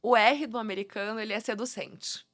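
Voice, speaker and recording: A woman from Curitiba, Brazil, with a Curitiba accent, explaining pronunciation tips as a guest teacher in a playful, animated way and laughing often. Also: fairly high pitch, fairly quick, dry recording, clean studio sound. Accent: Curitiba Brazilian Portuguese. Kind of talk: casual podcast interview.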